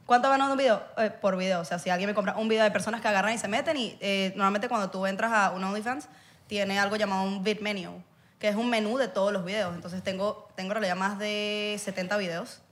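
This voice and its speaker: A young woman speaks as a podcast guest. She explains at length in a mid-pitched, everyday voice, tossing in English words. Her tone stays casual and chatty. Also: fairly even intonation, fast talker. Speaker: podcast guest, content creator. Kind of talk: casual chat.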